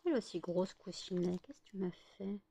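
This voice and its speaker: A woman's voice: medium pitch, a little fast, vocal fry, mellow, breathy edge. Tired french lady vlogging at home, baby-talking her dogs, mid voice. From France. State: exhausted after one hour of sleep. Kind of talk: casual home vlog.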